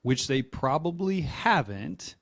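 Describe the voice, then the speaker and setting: A man's voice: fairly high pitch, very animated, slow pace, gravelly. Enthusiastic male podcast host. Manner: enthusiastic, hyping the guest. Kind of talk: podcast interview.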